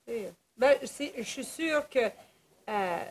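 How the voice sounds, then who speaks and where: Canadian French woman, guest singer, chatty, slightly high voice. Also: expressive, slow pace, rough recording. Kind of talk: casual chat.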